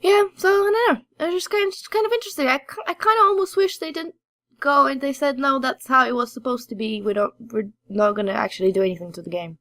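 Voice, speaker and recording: A high-voiced woman talks fast in a steady, fairly bright tone, captured in clean studio sound with no echo. She co-hosts a podcast, rambling and hesitating through a casual chat about games.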